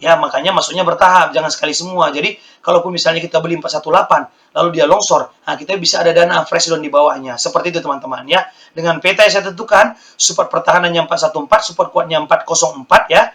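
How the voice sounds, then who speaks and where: Over a screen-shared stock chart, a man with a hoarse, somewhat high, fairly bright voice speaks a little raised as he gives a quick-paced market lesson. He keeps returning to the same figures and addresses viewers as if they were friends.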